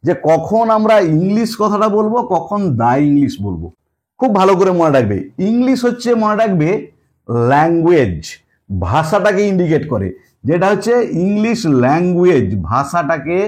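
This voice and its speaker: A man's voice: high voice, darkish tone. A male English teacher explaining a lesson, who asks rhetorical questions and repeats key points. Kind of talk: classroom-style lesson explanation.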